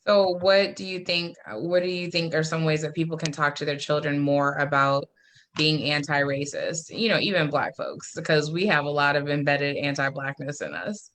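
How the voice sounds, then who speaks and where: A woman hosts a podcast interview in a low register, and her voice has a bright, forceful edge. She asks questions casually and chimes in with quick affirmations and teasing asides. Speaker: podcast host.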